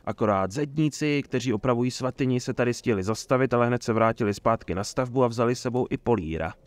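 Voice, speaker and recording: A man's voice: medium pitch, dry recording, natural voice. Guy doing a stern innkeeper, dry and sarcastic, plain middle voice. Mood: cold. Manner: cold, sarcastic. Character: stern middle-aged male innkeeper, cold.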